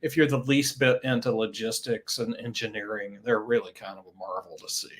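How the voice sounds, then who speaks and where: A man's voice: lowish voice, steady tone, a little fast. Enthusiastic male cruise guest. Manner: enthusiastic, repeats words when starting. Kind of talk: casual webcast chat.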